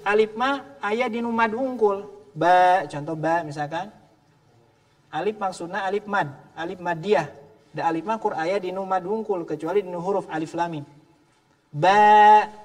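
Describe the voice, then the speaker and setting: A man with a Sundanese accent teaching Quran recitation in a mosque, patiently drilling letter sounds and asking students to repeat. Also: high voice. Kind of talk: tajwid class with drills. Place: mosque hall, indoors. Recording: long reverb of a large hall.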